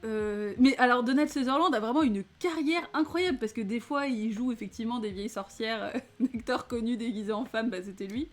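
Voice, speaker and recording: Female host from France, casual film talk, lighter pitch, loose and giggly delivery. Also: a little fast, few pauses. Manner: chatty, laughs often, many fillers. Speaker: film reviewer. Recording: faint music behind.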